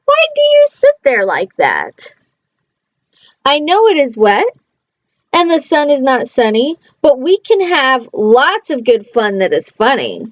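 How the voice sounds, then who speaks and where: A woman's voice: high-pitched, huge pitch swings, slow, dry recording, lo-fi sound, full character voice. A woman voicing a playful, boastful male cat in a children's storybook, exuberant, showy and coaxing. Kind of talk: children's storybook read-aloud.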